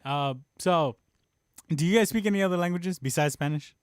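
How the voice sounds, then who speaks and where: A man hosting a podcast in casual chat, telling a story with lots of laughter and animated voices. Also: high-pitched, moderate pace, smooth, dry recording. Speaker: podcast host. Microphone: desk microphone on stand.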